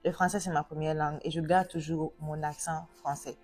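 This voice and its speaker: A woman's voice: deep voice, level tone, a little fast, a little mellow, husky, faint music behind. A woman from Africa hosting a casual interview, chatty and asking long, rambling questions. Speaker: host.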